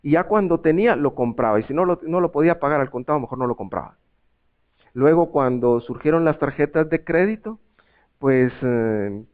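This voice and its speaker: Middle-aged pastor, higher-voiced, emphatic sermon delivery loud peaks. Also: male voice, phone-quality sound. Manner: emphatic preaching that swings from quiet asides to loud raised cries.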